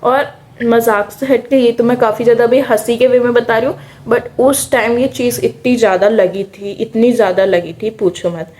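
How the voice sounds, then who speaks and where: A young woman with an Indian accent tells a story from her school days in a chatty, lively way, dropping English words into her talk. Her voice sits a little high for a woman. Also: normal speed. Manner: chatty, animated, mixes English words into speech. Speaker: vlogger. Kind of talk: casual storytime.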